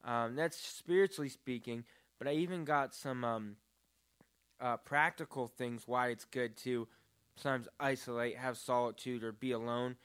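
Man, casual faith chat, earnest, rambling, smooth clear voice, mid pitch. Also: fairly even intonation, moderate pace, a bit bright. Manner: rambling, earnest, many fillers. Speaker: podcast co-host.

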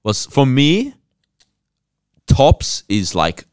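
A man's voice: mid-range voice, wildly swooping pitch, takes it slowly, clean tone, no room sound. A man co-hosting a podcast, talking casually and conversationally with his friends. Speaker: podcast co-host.

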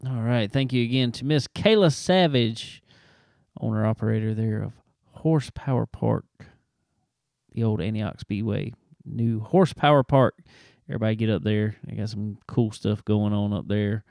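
Here the radio host is a man with a fairly low, slightly mellow voice and some vocal fry, talking at normal speed. His casual chat is relaxed and jokey, full of drawled fillers, captured as clean studio sound without echo.

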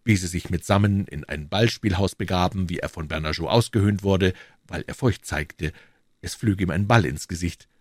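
A man narrating an audiobook in an expressive storytelling manner. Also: low-pitched, no room sound, studio quality. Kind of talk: scripted narration.

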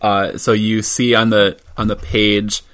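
Slow, low-voiced man running a tabletop game. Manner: relaxed, filler-heavy narration. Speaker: game master. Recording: online voice call.

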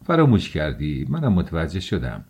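A man's voice: deep voice, wildly swooping pitch, darkish tone, breathy edge, exaggerated voice. A man reading the lines of an eager, talkative young friend who fusses over a sick companion in an audiobook. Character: cheerful fussing young male friend.

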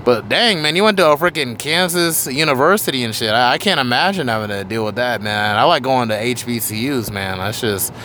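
A man's voice: mid-range voice, expressive, fairly quick, few pauses, sharp tone, slight background noise. A man hosting a podcast, chatting in a loose, rambling way with casual swearing. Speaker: podcast host. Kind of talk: casual interview chat.

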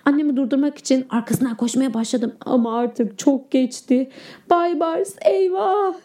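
A kindergarten teacher reads a storybook aloud to young children in a high, mellow voice. Her telling is expressive and animated, with pitch leaping up at the exciting moments.

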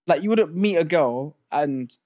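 A man's voice: on the high side, animated, a little slow, a little mellow, no echo, studio quality. A man, joking around as a podcast co-host and repeating words for comic effect. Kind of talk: casual banter.

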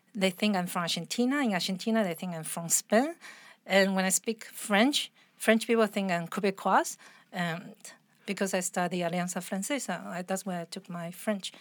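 A chatty woman from Taiwan talks in a casual interview, her mid-range voice recorded dry with no echo. She laughs often and restarts her sentences.

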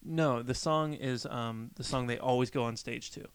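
Smooth-voiced man recapping a film casually. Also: medium pitch, moderate pace, no room sound. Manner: relaxed storytelling with fillers. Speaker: podcast co-host. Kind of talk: casual chat about a film.

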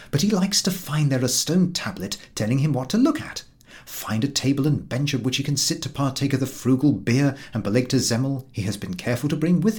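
In a mid-range voice, a man performs the audiobook of a funny book. His narration is measured but full of expression.

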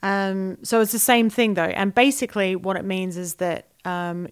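A woman's voice: medium pitch, steady tone, normal speed, smooth, no room sound, studio quality. A woman with an Australian accent chatting casually as a podcast co-host. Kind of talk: casual chat.

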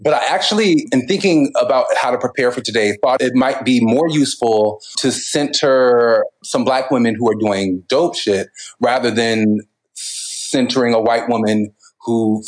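Man, podcast co-host, mid pitch, thoughtful, laughs a lot, casual commentary. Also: moderate pace, low-quality recording. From United States. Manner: thoughtful, laughs often, hesitant restarts. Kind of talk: casual cultural commentary chat.

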